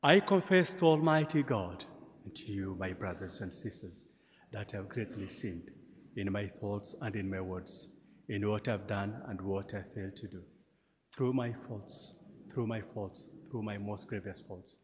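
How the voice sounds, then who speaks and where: A man, a priest leading Mass in a measured, gentle way, his voice ringing with cathedral-like church echo. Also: fairly low pitch, crowd noise. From Tanzania. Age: 40s. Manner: gentle, measured liturgical delivery with light humor. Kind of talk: celebrating Mass. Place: large church. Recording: long church hall reverb.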